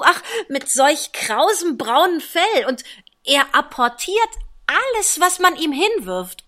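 Woman reading alice, high and bubbly, polite chatty little girl in a storybook. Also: pushed and bright, exaggerated voice. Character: eager, polite young girl, chatty and apologetic.

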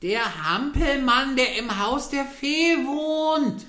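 A woman voicing a young puppet boy who begs loudly and impatiently. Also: expressive, slow pace, reverberant, exaggerated voice. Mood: pleading. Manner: loud, pleading, high childlike voice.

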